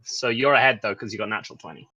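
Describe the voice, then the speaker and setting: A man's voice: on the low side, rapid-fire, sharp tone, breathy edge, dry recording, dull audio. A man playing a tabletop game, talking casually with the group. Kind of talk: casual chat.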